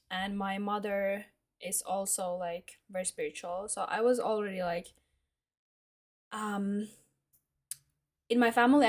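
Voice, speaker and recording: A young woman talks casually to her audience in a personal vlog. Her voice sits at a middling pitch, and she speaks haltingly, leaning on fillers and restarting as she searches for words. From Finland. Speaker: vlogger.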